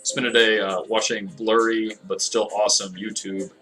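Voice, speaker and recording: Ironic, bright-voiced man riffing on a game. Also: lowish voice, flat delivery, moderate pace, faint music behind. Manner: rambling, ironic, self-interrupting. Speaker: let's play host. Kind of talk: casual gameplay commentary.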